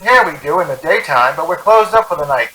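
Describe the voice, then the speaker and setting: A man playing a gruff, suspicious roadside shopkeeper in a radio drama, brusque and irritable with a late customer. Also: fairly high pitch, lively intonation, brisk, pushed and bright, poor audio. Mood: irritated. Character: gruff, suspicious married roadside stand keeper.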